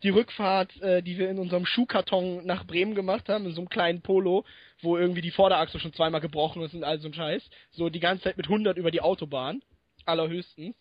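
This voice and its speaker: A man's voice: high-pitched, steady tone, quick pace, no echo. A man co-hosting a casual podcast chat, rambling with many fillers and laughing often. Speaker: podcast co-host. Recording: dry, dull lo-fi sound.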